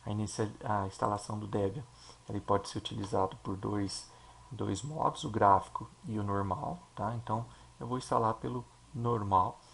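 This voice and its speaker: Gravelly-voiced Brazilian man teaching software. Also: on the low side, steady tone, normal speed, slight background noise. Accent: Brazilian Portuguese. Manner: explanatory, checks in with "tá?" and "ok?". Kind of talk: screen-recorded software tutorial.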